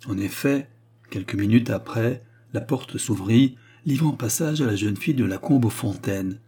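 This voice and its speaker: A man narrates a classic novel in a calm, measured reading. His voice is warm and mellow with a husky edge. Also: medium pitch. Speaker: audiobook narrator.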